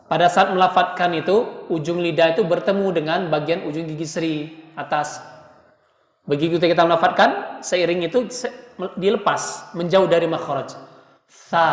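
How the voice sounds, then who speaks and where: A man's voice: on the high side, echoey room, big-room sound. A man teaching Quran pronunciation, patiently demonstrating letter sounds and chanting short words.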